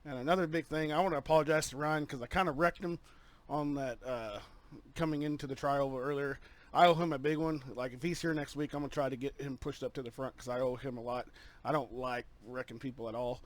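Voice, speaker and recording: A man giving a halting, earnest post-race victory interview as a sim racing driver, full of fillers, talking over a voice-chat headset. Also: medium pitch, fairly even intonation.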